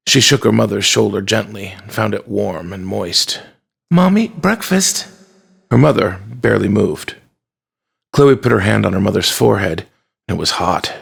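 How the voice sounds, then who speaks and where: A male storyteller reads a chapter aloud in a calm, measured way. His low voice is heavily gravelly and husky. It suits a storybook read by its author. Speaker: audiobook narrator. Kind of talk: scripted storybook narration.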